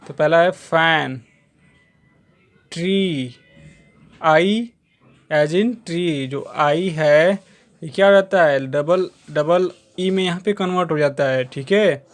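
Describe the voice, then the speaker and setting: A man, teaching a school exercise. He reads the lines slowly, then explains them in Hindi, often adding a checking filler. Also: on the high side, soft background music. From India. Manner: keeps adding a checking "theek hai" as a filler.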